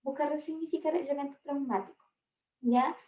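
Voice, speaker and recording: A woman giving a class lecture in a steady, reassuring way, often checking in with her listeners. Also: high voice, normal speed. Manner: steady and reassuring, constantly checking in with tag questions. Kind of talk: recorded online class lecture. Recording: echoey room.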